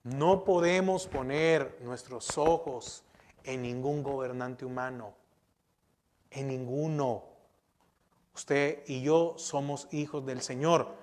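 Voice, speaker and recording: A man's voice: medium pitch, steady tone, slow pace, a little mellow. A middle-aged man preaching a sermon as pastor, speaking emphatically and asking the congregation questions. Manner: emphatic, repeats words and restarts.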